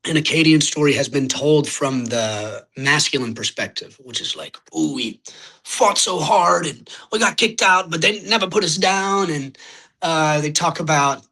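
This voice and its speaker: On a rough recording, a young man from Louisiana, United States, with a local accent, talks as a podcast guest and singer-songwriter in a casual interview. His fairly high voice is pushed and bright, a little slow, with lively intonation, and he rambles and gropes for words.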